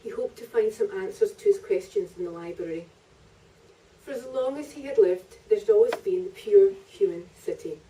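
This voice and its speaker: Her mid-range voice carries a dark tone as she reads at a normal speed from her own book. She's a woman author at a live festival event in a library venue, captured from a distance.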